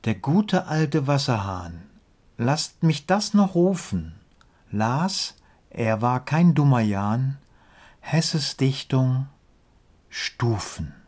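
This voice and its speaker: Slow, measured man reciting comic verse. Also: big pitch swings. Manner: slow, measured reciting, dropping low and quiet at line ends, with dry asides. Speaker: poet reading his own poems. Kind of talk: humorous poetry reading with spoken asides.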